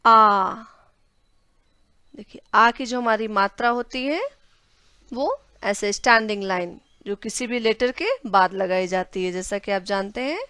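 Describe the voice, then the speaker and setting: A woman teaching children, sounding out each letter and word very slowly. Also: medium pitch, fairly bright tone, smooth, dry recording. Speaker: Hindi teacher. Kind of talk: classroom lesson for children.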